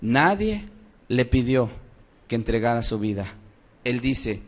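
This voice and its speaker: A man preaching a Bible-study sermon. He is impassioned, swings from soft to loud, and asks rhetorical questions. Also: medium pitch, sing-song, takes it slowly.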